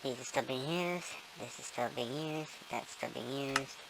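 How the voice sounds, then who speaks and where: Gamer's voice through a squeaky morph filter. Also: measured pace, vocal fry, heavy background noise. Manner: rambling, with many ums and self-corrections. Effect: voice-morphing filter, squeaky and small like a squirrel. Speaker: gamer giving a tour of a build. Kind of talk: casual gameplay tour.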